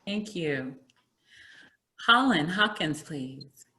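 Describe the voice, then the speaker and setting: A woman's voice: deep voice, animated, extremely slow, sharp tone. A woman facilitating a group video call, calling on each participant in turn with short encouraging prompts. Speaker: discussion facilitator.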